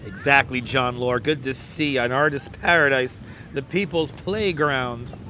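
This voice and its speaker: An unhurried, sharp-toned man with a hoarse, crackly, squeaky voice greets livestream viewers by name one after another in a casual chat. He's broadcasting by phone from a beach boardwalk, where his wireless clip-on mic picks up faint traffic and city street sounds.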